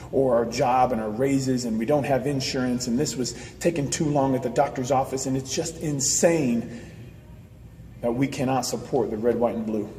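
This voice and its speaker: A man's voice: medium pitch, mellow. A man giving an earnest, impassioned monologue, stumbling over restarts and building to emphatic declarations. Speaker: speaker sharing his views. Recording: roomy distant mic with faint hiss.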